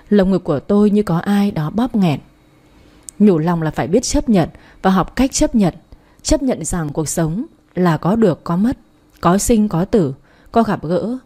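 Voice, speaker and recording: Female narrator, warm mellow voice, heartfelt first-person romance reading. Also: medium pitch. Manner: emotional, heartfelt. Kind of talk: scripted narration of a romance story.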